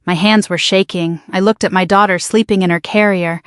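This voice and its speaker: A woman's voice: medium pitch, steady tone, fairly quick, fairly bright tone, smooth, dry recording, clean studio sound. Woman narrating a dramatic story. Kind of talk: scripted first-person story narration.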